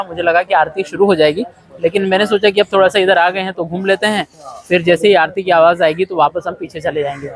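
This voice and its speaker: A man from India, a travel vlogger and yoga teacher, chatting casually outdoors by a lake with many fillers. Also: sits high. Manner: chatty, rambling, frequent fillers. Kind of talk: casual travel vlog narration. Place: outdoors by a lakeside ghat.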